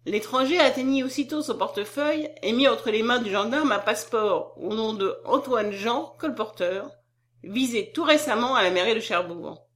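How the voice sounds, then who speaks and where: A woman narrating a classic novel in a steady, measured storytelling voice. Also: on the high side. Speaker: audiobook narrator.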